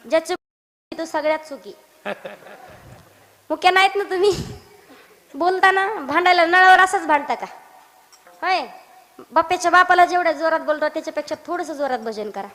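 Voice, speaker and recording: A woman's voice: very high voice, brisk, pauses often, fairly bright tone. A woman preacher giving a devotional kirtan sermon, teasing and quizzing her audience and breaking into song. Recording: long hall reverb.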